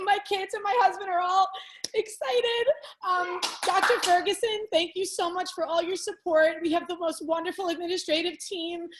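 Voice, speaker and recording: A woman with a very high voice delivers an award acceptance speech over a video call. She is an elementary teacher, gushing with thanks and emotional throughout. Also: steady tone, normal speed, noisy background.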